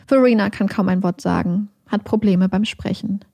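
Woman doing true crime narration, slow somber delivery, bit of vocal fry, dead dry close mic. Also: medium pitch, mellow, no echo. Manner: measured, somber, reads out quoted dialogue. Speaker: podcast narrator.

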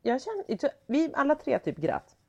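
A woman in her thirties, a podcast co-host in casual chat, telling stories in an animated way and swearing casually. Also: high voice, creaky, lo-fi sound.

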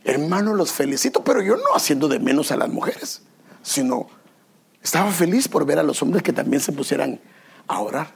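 A male pastor preaches at a church service in an animated, storytelling way. His voice is high and gravelly, with a husky edge. His pitch swoops widely as he pokes fun at himself and puts questions to the listeners. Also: normal speed. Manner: self-deprecating, animated storytelling, asks the congregation questions. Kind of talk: sermon with personal anecdotes.

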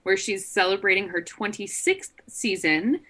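A woman's voice: medium pitch, animated, moderate pace, sharp tone. A woman hosting a podcast, introducing her guest. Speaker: podcast host.

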